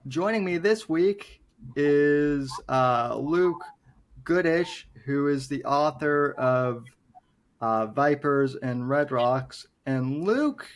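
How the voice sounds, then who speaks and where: Brief: unhurried podcast host, a man in his late twenties, hesitant and thoughtful delivery. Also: medium pitch. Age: 20s. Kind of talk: casual podcast interview.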